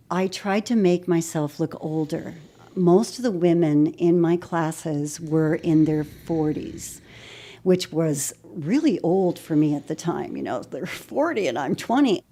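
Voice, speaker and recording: A woman's voice: fairly low pitch, lively intonation, unhurried, warm tone, slight background noise. A woman in her sixties who teaches yoga and owns a studio, talking in an upbeat, self-assured way in an interview. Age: 60s. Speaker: yoga instructor and studio owner. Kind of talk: reflective interview talk.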